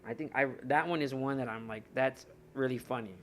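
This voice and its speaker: A man's voice: mid-range voice, a little fast, fairly bright tone, a little hiss or hum. A young man streaming live, chatting casually and rambling to his viewers while he looks through his cards. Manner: rambling, chatty, talks to chat while browsing.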